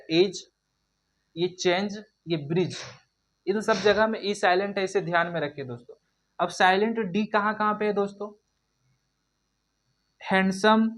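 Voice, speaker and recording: A woman teacher leads an online English lesson, steadily repeating each example word. She asks the viewers questions and answers them herself, calling them her friends. Her voice sits at a medium pitch. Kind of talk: online lesson, drilling pronunciation.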